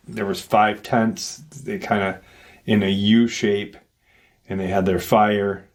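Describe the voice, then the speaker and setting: Slow-talking low-voiced male storyteller. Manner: unscripted, with frequent fillers and restarts. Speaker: paranormal story narrator. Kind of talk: retelling an encounter account.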